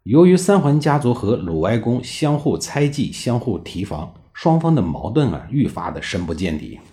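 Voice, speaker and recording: Man, history storyteller, low dark voice, lively intonation, colloquial. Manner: colloquial, with chatty drawn-out particles. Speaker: history podcast narrator. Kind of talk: storytelling narration.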